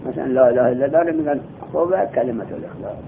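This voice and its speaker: A man teaching Arabic grammar in a classroom lesson. He reads each line of the text slowly, then explains it and quizzes his students. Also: animated. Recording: tinny phone-like recording with faint rumble.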